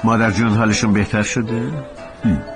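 A man's voice: fairly low pitch, fairly even intonation, natural voice. An actor dubbing a hesitant, stammering young husband caught between his wife and mother, with music behind him. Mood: flustered. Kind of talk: Persian dub of a TV drama.

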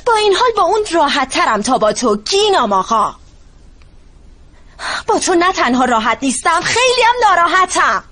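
An actress dubbing a hurt, resentful younger sister, speaking in a bitter, accusing way. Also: female voice, extremely high pitch, big pitch swings, sharp tone, full character voice. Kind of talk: dubbed TV drama acting.

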